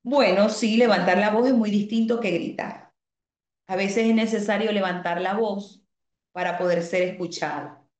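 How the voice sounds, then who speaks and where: A woman teaching an online parenting class, explaining calmly, reading out comments from students and asking the class questions. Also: mid-range voice, normal speed, echoey room. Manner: asks the class rhetorical questions.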